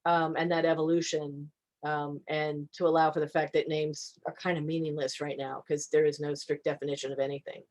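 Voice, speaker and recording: A woman's voice: low voice, little pitch movement, a little fast, a little mellow, low-quality recording. A woman attorney answering audience questions in a conversational way, with frequent fillers and restarts. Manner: hesitant, many fillers and restarts. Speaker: guest attorney.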